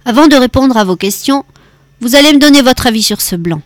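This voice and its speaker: A woman voicing a cantankerous 88-year-old male winegrower who is gruff but kind at heart, blustering and lecturing in an audiobook. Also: expressive, a little fast, dry recording. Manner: blustering, lecturing, louder and higher than narration. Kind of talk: audiobook character voice.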